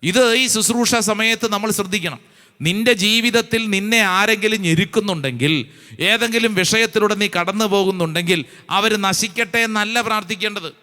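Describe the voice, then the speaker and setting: A male priest giving a charismatic retreat sermon, urging listeners with repeated rhetorical questions and reading scripture slowly and deliberately. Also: sits high, pushed and bright, long reverb tail. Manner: fervent, repetitive exhortation with rhetorical questions.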